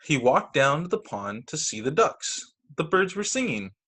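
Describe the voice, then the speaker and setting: Over a video call, a male teacher reads picture books aloud to kids in a voice on the high side with a breathy edge, keeping a moderate pace. He's expressive, performing the characters' lines and chatting about the pictures as he goes.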